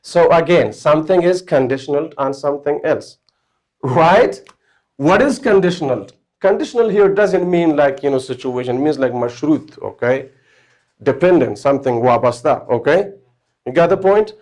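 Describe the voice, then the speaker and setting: A man's voice: a little high, lively intonation, normal speed, a little mellow. A man teaching English grammar to a class of students. He explains step by step and keeps checking whether they understand.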